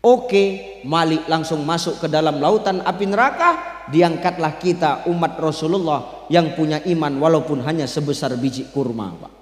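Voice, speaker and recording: A man's voice: on the high side, normal speed, roomy sound, long reverb tail. A man, preaching a comic storytelling sermon and joking with officials in the audience. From North Sumatra. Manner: lively, joking, addresses officials in the crowd.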